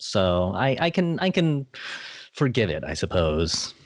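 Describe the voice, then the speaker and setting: Low rambling man, dry sound. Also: big pitch swings, unhurried, dry recording. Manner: rambling, laughs often, hesitant fillers. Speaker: podcast co-host. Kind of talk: casual chat.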